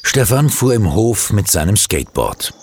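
A man reading a children's story aloud with expressive, dramatic storytelling. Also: on the low side, moderate pace, a little hiss or hum.

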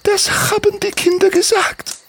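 A man's voice: very high-pitched, level tone, measured pace, creaky, a bit bright, voice pushed up, heavily acted. A man doing a tearful little gnome girl. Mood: sad, tearful. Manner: sighing, tearful, clipped answers. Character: sad, timid young female forest gnome girl.

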